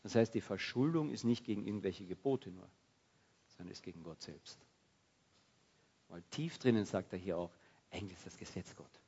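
Lively male preacher. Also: low-pitched, normal speed, pauses often, breathy edge, dull audio. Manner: lively, conversational preaching with dialect fillers. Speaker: pastor. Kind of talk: sermon.

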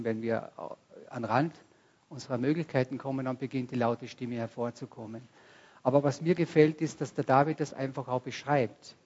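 Male pastor giving a sermon, chatty, asks the congregation stuff, kinda dull muffled recording. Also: mid-range voice. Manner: conversational, addresses congregation directly with questions; rises to loud bursts when quoting cries. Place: church service before a congregation.

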